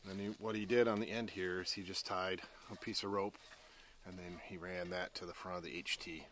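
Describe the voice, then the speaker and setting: A man's voice: low-pitched, steady tone, fairly quick, a bit bright, a little hiss or hum. A man giving a casual outdoor walkaround, explaining trailer gear step by step at a wooded campground. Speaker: trailer review vlogger.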